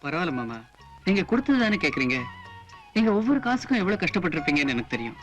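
A man playing a self-sacrificing brother who gently insists on paying. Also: high-pitched, sing-song, fast talker, highs cut off, soft background music. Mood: pleading. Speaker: elder brother. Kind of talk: 1980s film acting.

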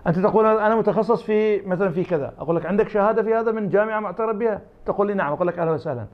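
A man's voice: high-pitched, racing, muffled recording. A man from Iraq with an Iraqi Arabic accent, giving interview answers as an academic guest, arguing his point through imagined back-and-forth dialogues. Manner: argumentative, uses imagined dialogues.

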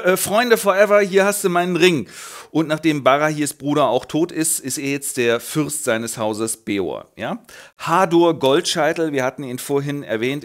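A man narrating a comic summary of a book in a flippant, jokey way. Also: a little high. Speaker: host, narrator.

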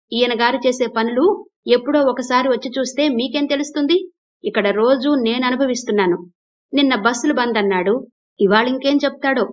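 A woman voicing a spoiled, arrogant young wife who scolds and shouts at her elders. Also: on the high side, close to an everyday voice. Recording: dull lo-fi recording.

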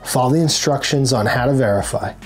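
Speaking to camera at a fairly quick pace, a man in his forties presents a scripted, instructional tutorial in a middle-pitched voice. Background music plays behind his narration.

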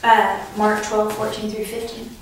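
Speaking a little slowly in a level, medium-pitched tone, a Bible teacher sounds far away in an echoey room with a noisy background. Her preaching class unfolds as casual storytelling, and she laughs now and then while recounting anecdotes.

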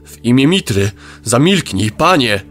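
A man voicing a fearful male high priest in an audio drama, shouting and pleading. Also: very animated, measured pace, soft background music. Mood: frantic.

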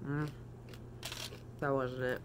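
A woman with a low voice, roughened by a cold, talking to her viewers in a chatty, eager vlog. The recording carries a clear layer of background noise from her home. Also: little pitch movement, slow. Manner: chatty, eager, thinks aloud. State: sick, rough voice. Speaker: vlogger. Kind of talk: casual vlog chat. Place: home kitchen.

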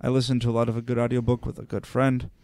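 A man's voice: mid-range voice, monotone, rapid-fire, vocal fry, darkish tone. A man co-hosting a podcast, chatting casually and hesitantly in a small room on a desk mic. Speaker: podcast co-host. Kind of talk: casual chat. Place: small room around a table. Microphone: desk mic on a boom.

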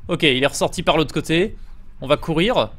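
Homme qui commente son jeu en blaguant. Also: male voice, a little high, lively intonation, brisk, a bit bright. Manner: jokey, trying silly accents. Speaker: gamer streamer. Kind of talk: playful gaming commentary.

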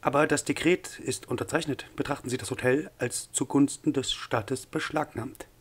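A man voicing a smug, patronizing male company official with a husky voice. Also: medium pitch, steady tone, moderate pace, close to an everyday voice. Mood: curt.

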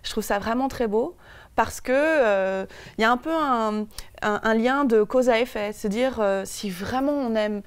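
A woman's voice: a little high, a little slow, clear, resonant tone. A young woman from France, a guest in a TV studio interview, speaking thoughtfully with many hesitations and restarts on a lapel mic. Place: TV studio set.

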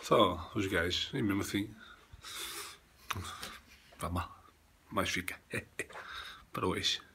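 A man's voice: sits low, slow, vocal fry, pushed and bright. A man from Portugal with a European Portuguese accent, filming a casual home vlog on his phone in a bedroom and coaxing his toddler in teasing baby talk. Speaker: family vlogger and father. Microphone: handheld phone camera. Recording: noisy phone recording.

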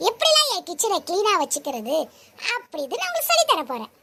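A woman's voice: very high-pitched, wildly swooping pitch, fast, sharp tone, full character voice. A woman playing a young daughter-in-law who is filming a vlog and talks back to her mother-in-law in a comedy sketch. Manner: sugary to the camera, defensive. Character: young vlogging daughter-in-law, sweet then snippy. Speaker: vlogger.

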